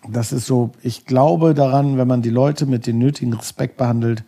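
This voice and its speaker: A man from Germany speaks as a guest on a podcast. His voice is very dark and a little husky. He tells his stories loosely and rambles, often stopping to search for the right word. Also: medium pitch, steady tone, moderate pace. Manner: rambling, searches for words, many fillers. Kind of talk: casual storytelling.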